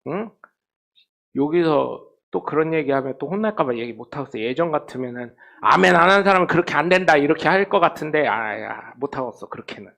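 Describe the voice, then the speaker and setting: High gravelly pastor preaching. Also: male voice, lively intonation, fast talker. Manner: storytelling, acting out quoted people, swings from loud to very soft. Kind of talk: sermon. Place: church sanctuary.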